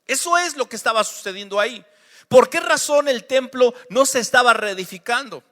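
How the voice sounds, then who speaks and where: A man's voice: very high voice, expressive, moderate pace, pushed and bright, long reverb tail. A man with a Mexican accent, a pastor preaching a sermon with emphatic rhetorical questions.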